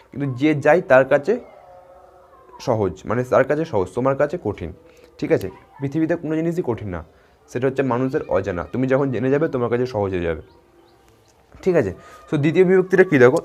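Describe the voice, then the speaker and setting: A man teaching a grammar lesson to schoolchildren. He asks a question, answers it himself, and repeats words slowly and encouragingly. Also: on the high side, darkish tone. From West Bengal. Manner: encouraging, addresses students directly.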